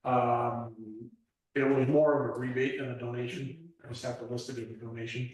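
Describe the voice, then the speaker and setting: A man giving a club treasurer's and trail report at a meeting, reading figures slowly with many fillers. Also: medium pitch, flat delivery. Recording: echoey room, mic far off.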